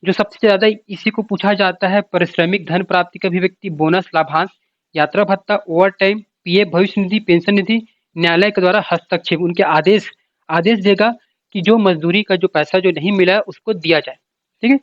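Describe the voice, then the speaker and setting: A man with a high, steady voice talks a little fast, lecturing informally like an exam coach who repeats his points and poses questions only to answer them himself. The recording is dull and lo-fi, with no room sound.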